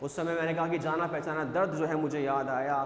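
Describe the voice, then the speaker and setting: A man's voice: a little high, fairly even intonation, a little fast, roomy sound, in a large hall, a little hiss or hum. A male English teacher with an Indian accent lecturing on a poem, switching between Hindi and English and repeating phrases as he explains.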